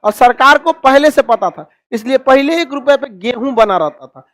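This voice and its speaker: A man's voice: very high voice, animated, normal speed, fairly bright tone, no echo. A man giving a classroom lecture as a teacher, blunt and scolding, full of rhetorical questions.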